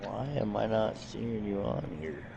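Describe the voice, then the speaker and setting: A man's voice: on the low side, unhurried, creaky, lo-fi sound. A man chatting casually as a player in an online tabletop roleplaying game. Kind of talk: casual chat. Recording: faint background noise, online voice chat.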